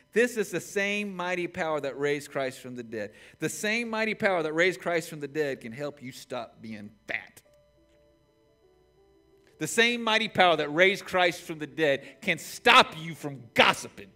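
A man in his forties preaching a sermon from a church stage as pastor, with impassioned delivery that swings between raised, shouted points and hushed, quiet prayer. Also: high voice.

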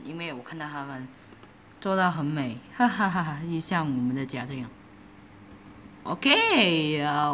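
A woman gives casual commentary while she plays a game. She giggles often and breaks into excited exclamations. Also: sits low, a little hiss or hum. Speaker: gaming YouTuber.

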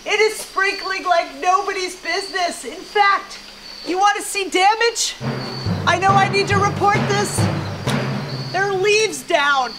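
A woman's voice: extremely high pitch, music in the background. A middle-aged woman playing a self-important, overwrought TV storm reporter in a spoof live weather report, stretching her words for drama. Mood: grave, urgent. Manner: overwrought, drawn-out dramatic emphasis. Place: outdoors at night on rainy driveway. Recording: rain noise outdoors, camera mic. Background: rain falling.

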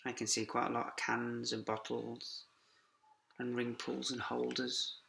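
This middle-aged man is a teacher giving a lively, sing-song reading of a rhyming picture book to young children, murmuring quiet asides to them. He has a medium pitch, a measured pace, and some vocal fry. A laptop webcam records him in an echoey classroom.

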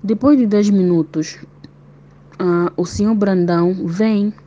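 A woman's voice: mid-range voice, slow pace. Woman retelling events in a dull voice note. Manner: detailed, steady retelling. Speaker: prisoner's wife giving testimony. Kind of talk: recorded voice-message account. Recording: dull lo-fi voice note, faint noise.

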